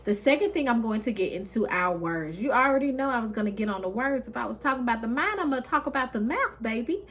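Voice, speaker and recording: A woman's voice: on the high side, lively intonation, fast, a bit bright. A woman speaking directly and casually to her viewers in an emphatic, encouraging, slightly preachy motivational style, repeating phrases for weight.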